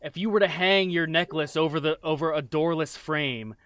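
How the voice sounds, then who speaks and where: A man's voice: on the high side, normal speed, a bit bright, smooth, no room sound. A man running a tabletop game as game master, talking casually with frequent restarts. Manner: casual, hesitant, restarts often.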